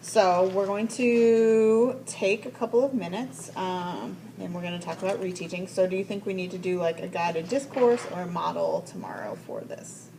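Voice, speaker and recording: Woman, lowish voice, instructional coach, directive, affirming, casual coaching talk. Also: fairly even intonation, moderate pace, dark tone, slight background noise, rough recording. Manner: directive, affirming with frequent "mm-hmm" and "like". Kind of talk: one-on-one teacher coaching conversation.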